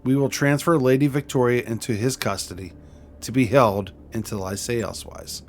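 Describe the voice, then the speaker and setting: A man voicing a wronged exiled queen in a video game, stern and resolute, speaking formally and gravely. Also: medium pitch, fairly even intonation, moderate pace, slight background noise, close to an everyday voice.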